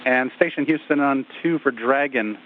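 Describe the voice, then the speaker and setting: Guy at mission control on a tinny sci-fi communicator radio, calm and by the book. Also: mid-range voice. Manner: calm, measured, procedural. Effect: mission radio link, like a sci-fi communicator. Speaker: ground controller. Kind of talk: procedural radio callouts. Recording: tinny radio line with faint hiss.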